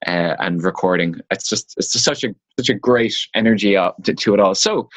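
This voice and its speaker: A man co-hosting a casual guitar podcast, joking and animated as he talks, with many restarts. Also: low-pitched, a little fast. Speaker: podcast co-host. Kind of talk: casual chat.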